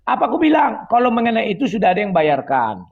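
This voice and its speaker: A man's voice: high voice, big pitch swings, fast talker, phone-quality sound, a little hiss or hum. A man in a heated online debate, combative, who keeps cutting in to demand his turn. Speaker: guest debater.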